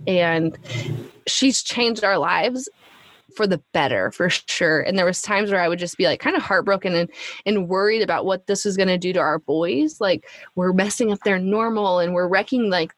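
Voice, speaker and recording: A woman's voice: on the low side, no room sound. A woman guest on a podcast, telling a family story in a chatty way full of likes and ums. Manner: chatty, many likes and ums, laughs often. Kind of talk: casual conversational storytelling.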